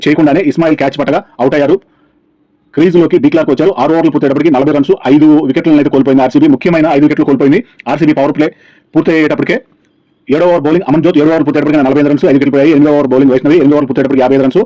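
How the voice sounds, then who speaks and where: A Telugu Indian man narrates a sports recap at a very rapid clip. His voice sits slightly high for a man. The audio is somewhat dull and lo-fi. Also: dark tone. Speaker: YouTube channel host.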